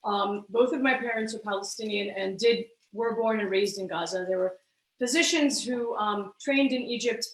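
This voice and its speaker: A woman teaches a live online cooking class from her home kitchen and shares her story along the way. Her mid-pitched voice rings around the echoey room. She explains carefully and often restarts her thoughts with ums. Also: moderate pace. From born in Kuwait, raised in Saudi Arabia. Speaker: cooking instructor.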